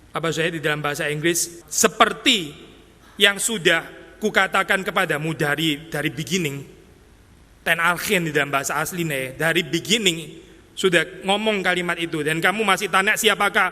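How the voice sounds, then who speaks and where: A man preaching a sermon as pastor, talking casually and acting out quotes with lively bursts. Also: a little high. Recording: long hall reverb.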